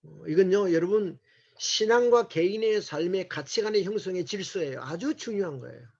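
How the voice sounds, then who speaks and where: Earnest male church lecturer, high and husky, on a muffled lo-fi recording. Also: animated, normal speed. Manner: earnest, asks the audience rhetorical questions. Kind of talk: sermon-like lecture.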